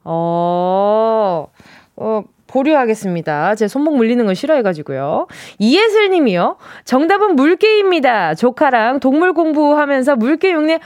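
A woman's voice: high voice, very animated, moderate pace, hardly any pauses, darkish tone, no room sound. A young woman radio DJ in a studio, reading out listener messages in a playful quiz chat and mimicking the sounds they describe. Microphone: studio microphone.

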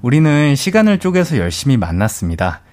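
A man co-hosting a radio show who chats casually and reads out listener stories, animated and self-deprecating. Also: medium pitch, brisk, soft background music. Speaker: radio co-host. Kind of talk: casual talk and story reading.

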